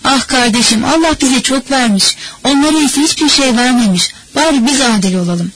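A man's voice: very high voice, moderate pace, fairly bright tone, slight background noise, poor audio. A woman reading the lines of a generous, carefree wealthy man in an audiobook, with an easygoing manner.

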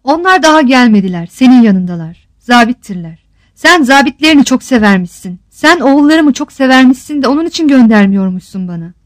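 A woman's voice: sits high, animated, brisk, no room sound. A woman voicing a scornful, defiant old island woman who mocks and scolds with rhetorical questions. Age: older.

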